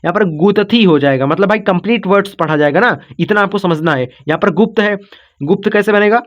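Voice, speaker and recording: A man teaches an online spelling lesson, patiently breaking words into syllables, repeating himself often and checking in with his students. He calls them "kids" and "brother" and asks "okay" to check on them. His voice is high-pitched and fast, and the sound is lo-fi.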